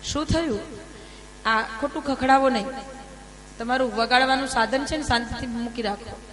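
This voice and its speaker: Bright-voiced woman preaching in a hall. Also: on the high side, moderate pace. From Gujarat, India. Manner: emphatic, rhetorical questions, lively asides to listeners. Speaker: scripture storyteller. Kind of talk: devotional sermon storytelling. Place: temple hall. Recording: reverberant hall with faint noise.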